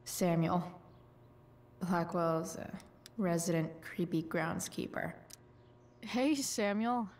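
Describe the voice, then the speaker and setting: A woman's voice: on the low side, slow pace, pauses often, darkish tone, slight background noise. An actress playing a sardonic, rebellious teenage girl in a video game, dry, hesitant and understated. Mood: hesitant, guarded. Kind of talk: video game dialogue and inner monologue.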